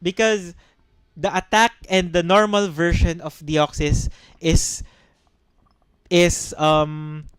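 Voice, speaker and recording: Male podcast co-host, smooth clear voice, dry close sound, restarts often. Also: fairly high pitch, level tone, takes it slowly, long pauses, a bit bright, no echo. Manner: thinking aloud with frequent restarts and ums. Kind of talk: casual chat.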